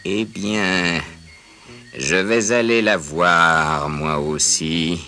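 A man voicing a sly, hungry big bad wolf in a storybook reading, talking in a slow, drawn-out growl. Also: sits low, steady tone, sharp tone, exaggerated voice. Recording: music bed under voice.

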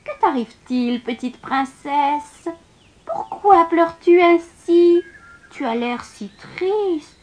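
A woman voicing a raspy female frog who coaxes and insists on a promise, in slow drawn-out pleas. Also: very high voice, animated, a little mellow, slight background noise, voice pushed up, full character voice. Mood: coaxing.

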